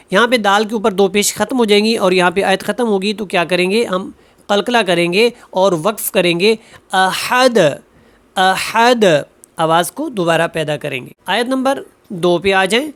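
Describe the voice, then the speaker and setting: A male Quran teacher giving a tajweed lesson, correcting common mistakes in a patient, steady way. He stops to recite each verse slowly and carefully, stretching out the sounds, then goes back to plain explanation. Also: sits high. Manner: patient, corrective, often checks with "okay?".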